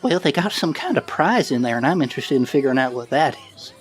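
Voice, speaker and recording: A man's voice: mid-range voice, lively intonation, quick pace, close to an everyday voice. A man voicing a folksy, eager old prospector with a drawl in a tabletop game. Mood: folksy, scheming. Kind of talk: in-character tabletop roleplay.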